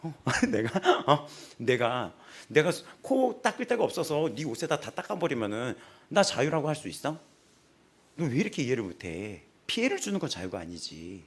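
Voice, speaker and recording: A male senior pastor preaching a sermon in a lively storytelling manner, laughing often. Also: mid-range voice, normal speed, breathy edge. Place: church sanctuary.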